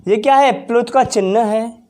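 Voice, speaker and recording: A woman teacher giving a slow, careful exam-prep grammar lesson in Hindi, drawing out vowel sounds as examples and talking to viewers as friends. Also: fairly high pitch, a little mellow. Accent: Hindi, from northern India. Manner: addresses viewers as friends, anticipates their questions.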